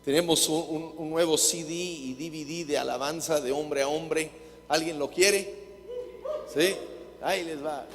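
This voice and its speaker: A man preaching a sermon with jokes, often quizzing the congregation with quick questions. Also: fairly high pitch, fairly even intonation, fairly bright tone. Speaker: guest preacher. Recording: long hall reverb.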